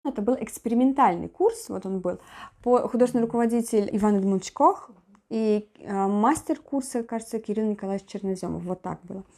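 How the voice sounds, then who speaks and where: A woman's voice: medium pitch, fairly quick, dark tone. A woman recalling the history of a theatre course in an interview, recounting it with hesitant fillers.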